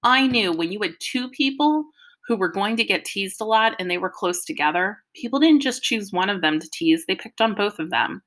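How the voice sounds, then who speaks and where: A woman narrating a first-person audiobook in a lively, expressive storytelling manner. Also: mid-range voice, moderate pace.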